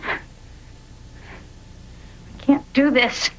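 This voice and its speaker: A woman's voice: very slow, muffled recording. An actress playing a guarded young woman who speaks in a dry, hesitant way. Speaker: film character.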